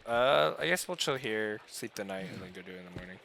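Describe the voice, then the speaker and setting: A man chatting casually while playing a co-op game, laid-back and jokey, now and then yelping loudly. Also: on the low side, animated, fast, vocal fry, a little hiss or hum. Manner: laid-back, jokey, swings into loud yelps. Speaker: gamer playing co-op. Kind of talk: casual gaming chat.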